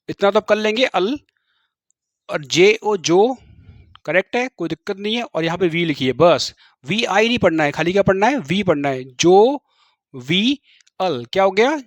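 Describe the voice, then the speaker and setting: A man's voice: high-pitched, dry recording, clean studio sound. Hindi-accented man drilling pronunciation. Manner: repetitive call-and-response drilling. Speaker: English teacher. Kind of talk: classroom lesson.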